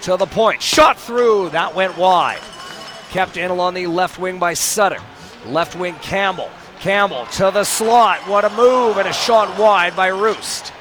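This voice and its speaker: A man doing live hockey play-by-play in clipped phrases, breaking into shouts on big plays. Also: sits high, a little slow. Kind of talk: live sports play-by-play commentary. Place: hockey arena broadcast position. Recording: loud crowd noise, arena ambience.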